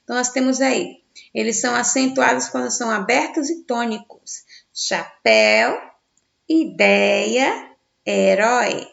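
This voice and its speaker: A woman teacher giving a recorded grammar lesson for children in Brazilian Portuguese, sounding out stressed syllables slowly and answering her own questions. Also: on the high side, steady tone, vocal fry. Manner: slow, stressed syllables when sounding out words; asks the class questions and answers them herself. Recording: dull, echoey room.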